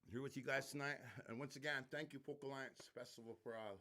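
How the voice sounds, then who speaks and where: A singer-songwriter and storyteller talking shyly between songs on a live concert stage, a little out of breath, with halting words and many fillers. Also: male voice, medium pitch, steady tone, sharp tone. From North Dakota reservation. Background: guitar music.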